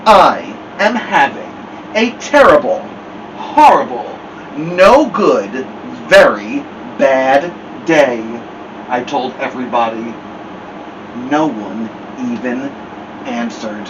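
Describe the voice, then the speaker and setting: Expressive man, slow and distant, reading aloud. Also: medium pitch. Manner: dramatic, emphatic delivery. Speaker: host of a children's story time show. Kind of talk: expressive picture book read-aloud and host talk. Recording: dull, distant mic with clear background noise.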